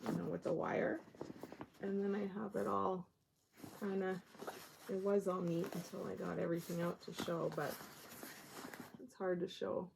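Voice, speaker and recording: A woman's voice: medium pitch, creaky, a little mellow, slight background noise. A woman from Nova Scotia hosting a craft podcast, chatting casually and rambling as she shows her projects, often laughing at herself. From Nova Scotia, Canada. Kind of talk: casual show-and-tell chat.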